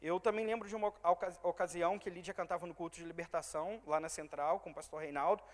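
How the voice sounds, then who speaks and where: Preaching a testimony in a reverberant church hall, a thirtysomething church worker with a Brazilian accent from Rio de Janeiro state acts out the voices of people in his story, alternating loud and hushed. His voice is high-pitched, quick, and fairly even in intonation.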